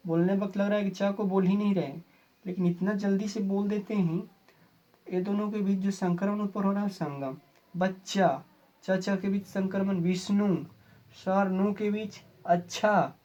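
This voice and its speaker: A male teacher giving a grammar lesson, going slowly and repeating each definition. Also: high voice, a little mellow, highs cut off.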